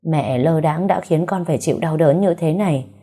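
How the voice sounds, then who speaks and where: A woman's voice: sits low, moderate pace, mellow, husky. Woman reading as an anxious young mother. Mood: tearful.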